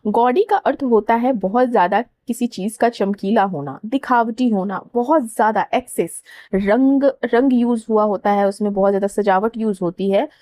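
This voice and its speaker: Mellow-voiced woman teaching vocabulary. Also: medium pitch, normal speed, no echo. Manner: patient, repeats key words and checks understanding. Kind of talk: explaining word meanings.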